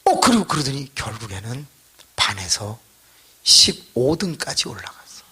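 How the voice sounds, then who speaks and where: A man pastor preaching a revival sermon, telling a story with animated, acted-out voices. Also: medium pitch, normal speed, breathy edge.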